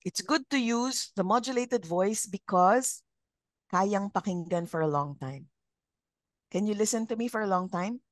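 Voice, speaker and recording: A middle-aged woman with a Filipino accent leading a communication training session, speaking in a measured, modulated trainer voice and putting questions to her learners. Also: medium pitch, dry recording. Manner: interactive, asks learners questions. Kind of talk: live training session, mixing English and Filipino.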